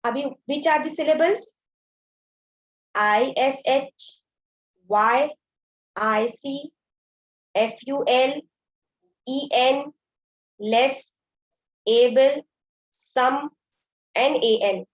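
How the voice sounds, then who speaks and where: Woman, grammar teacher, high voice, code-switches to Hindi, dull lo-fi recording. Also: drawn-out words, pauses often. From India. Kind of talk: classroom lesson explaining grammar.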